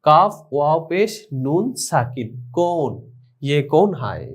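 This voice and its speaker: A man's voice: fairly high pitch, big pitch swings. A man teaching an online language lesson, spelling out words letter by letter and explaining pronunciation to his students. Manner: spells out letters slowly, syllable by syllable; addresses students directly, explanatory.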